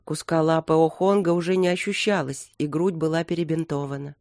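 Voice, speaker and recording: A measured audiobook narrator reading a dark war scene in an even voice of middling pitch. The delivery slows on the grimmest moments. The recording is dry and close. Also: no room sound.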